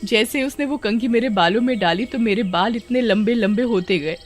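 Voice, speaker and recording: A woman voicing an excitable young village girl in a cartoon, breathless and eager. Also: a little high, moderate pace, faint music behind, close to an everyday voice. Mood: excited.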